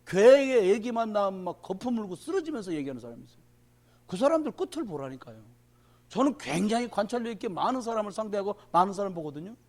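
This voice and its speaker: A man preaching with a high voice that leaps up and down through its range. He is a pastor speaking to a prayer meeting in an emphatic, everyday way, calling out to people in the pews. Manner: emphatic, colloquial preaching that calls out to the congregation.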